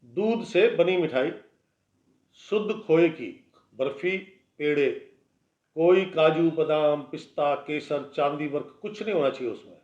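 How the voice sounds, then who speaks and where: A man's voice: on the high side, unhurried, a little mellow. A man giving a daily horoscope as an astrologer, talking bluntly and warning listeners in a conversational, lecturing way. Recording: echoey room, dull lo-fi sound.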